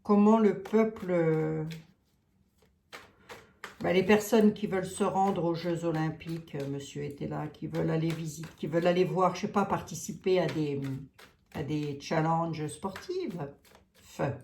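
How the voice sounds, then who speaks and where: A woman's voice: low-pitched, steady tone, measured pace, gravelly, dark tone, a little hiss or hum. Woman with a Lorraine accent reading tarot. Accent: Lorraine French. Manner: thinks aloud, questions the cards, many hesitations. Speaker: tarot card reader. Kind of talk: casual tarot reading monologue. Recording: roomy echo.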